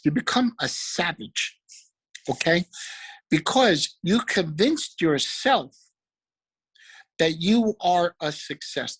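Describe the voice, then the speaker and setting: A man giving an energetic, preachy motivational talk about trading, repeating affirmations. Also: fairly high pitch, slightly rough, low-quality recording. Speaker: motivational speaker for a trading group.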